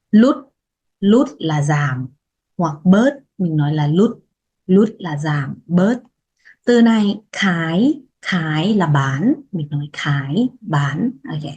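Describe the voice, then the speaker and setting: A woman teaching vocabulary, saying each word slowly and repeating it before explaining it. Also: lowish voice, darkish tone. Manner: repeats words slowly, then explains briskly. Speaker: language teacher. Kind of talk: vocabulary lesson, slow repetition. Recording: dull lo-fi sound.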